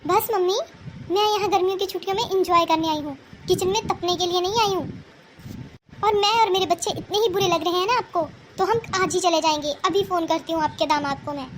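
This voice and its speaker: Woman voicing a spoiled cartoon daughter, whiny and demanding, very high pitch. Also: brisk, noisy background. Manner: petulant, complaining. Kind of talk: cartoon voice acting.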